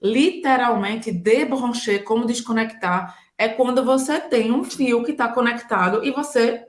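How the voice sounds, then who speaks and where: A woman's voice: a little high, a little slow, echoey room. A woman co-hosting a casual French lesson, explaining word meanings with everyday examples. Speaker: French teacher.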